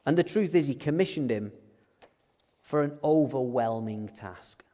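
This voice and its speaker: A man's voice: mid-range voice, lively intonation, a little slow, warm tone. A male preacher who gives a chatty, jokey sermon in a storytelling style. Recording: long hall reverb.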